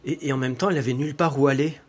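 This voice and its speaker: A man's voice: mid-range voice, fairly even intonation, racing. A man telling a folk tale casually, with fillers and repetitions. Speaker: storyteller.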